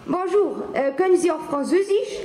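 A man's voice: extremely high pitch, lively intonation, normal speed, dark tone, reverberant. A woman voicing a confused male French-speaking caller who sounds hesitant and puzzled.

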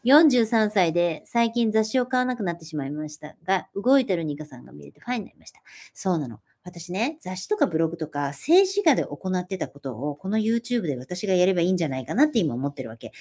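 Lively woman chatting on a livestream. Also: fairly low pitch, a little fast. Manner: reads viewer comments aloud and answers them chattily; animated, friendly, self-deprecating. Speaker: livestream host. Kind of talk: casual livestream chat.

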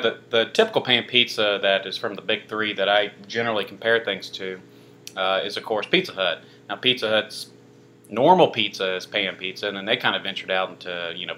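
A young man with a fairly low, pushed, bright-sounding voice reviews a pizza on camera for a relaxed food vlog. He meanders through his thoughts, leaning on fillers and dry self-mockery.

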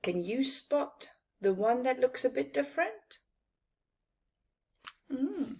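Indoors in a modest room at home, a middle-aged woman with a South African accent and Afrikaans as her mother tongue reads expressively to children. She speaks slowly and with emphasis, adding teacher-like comments, in a high, darkish voice with big pitch swings.

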